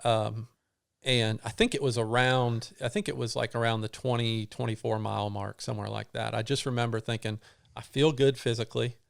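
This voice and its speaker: A middle-aged man, a guest on an interview show, telling a long personal story in a halting way, with many restarts and fillers. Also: mid-range voice, steady tone, creaky. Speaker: guest runner.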